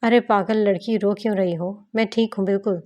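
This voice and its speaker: A woman's voice: medium pitch, steady tone, darkish tone, natural voice. A woman voicing a playful, teasing young husband while reading a novel aloud.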